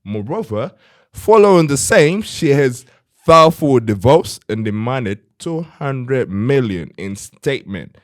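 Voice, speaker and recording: Male podcast co-host, casual chat, animated, reads comments aloud, dry close sound. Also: mid-range voice, measured pace, no room sound.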